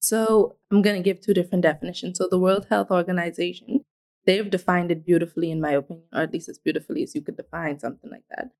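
A young woman student from the Bahamas speaks as a podcast guest in a friendly, articulate manner with a playful touch. Her voice sits somewhat low for a woman. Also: steady tone, fast, darkish tone. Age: young adult. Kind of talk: casual podcast chat.

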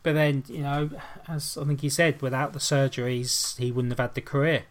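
Mid-pitched male podcast host chatting. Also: fairly even intonation, normal speed. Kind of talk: casual review chat.

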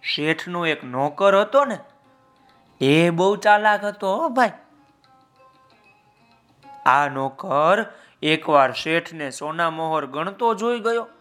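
A man telling a children's story, lively and speaking directly to his young listeners. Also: fairly high pitch, takes it slowly, pauses often, faint music behind.

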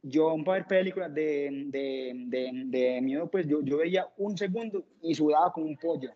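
A man giving an informal preaching testimony to a group, halting often with stammered restarts and repeated words. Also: on the high side. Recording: dull lo-fi recording.

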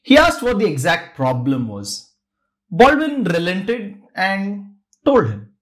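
Lively male podcast storyteller. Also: sits high, takes it slowly. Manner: dramatic storytelling with varied pacing. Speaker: podcast host. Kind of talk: scripted narration.

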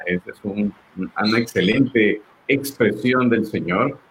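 Male pastor, low-pitched co-host, chatty Bible discussion. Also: a little hiss or hum, rough recording. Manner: conversational, uses fillers and tag questions.

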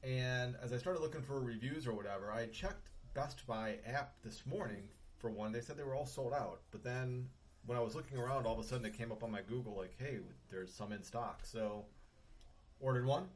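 A man's voice: medium pitch, brisk. Middle-aged male co-host, meandering casual storyteller, home room with faint noise. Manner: rambling storyteller, lots of fillers. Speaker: podcast co-host. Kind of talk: casual chat. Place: home bedroom.

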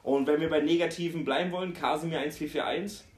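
A young man co-hosting a casual chat about rap releases, slangy and opinionated, quick to judge a track. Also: on the high side, steady tone. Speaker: podcast co-host. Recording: roomy echo.

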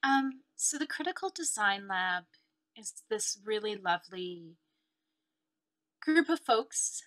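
Slow and expressive, her mid-range voice pushed and bright, the Ontario-born dancer and researcher chats casually as an interview guest over a video call. She reflects aloud, with plenty of "like"s and "um"s.

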